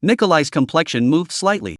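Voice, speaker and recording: A man narrating a dramatic recap story in a scripted, animated reading style. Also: on the high side, fairly quick, no echo, clean studio sound.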